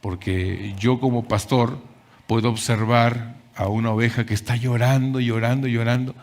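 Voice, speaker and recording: A man preaching a sermon as pastor, emphatic and deliberate, repeating key phrases and addressing the congregation directly. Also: medium pitch, fairly even intonation. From Peru. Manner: deliberate delivery with climbing emphasis in lists.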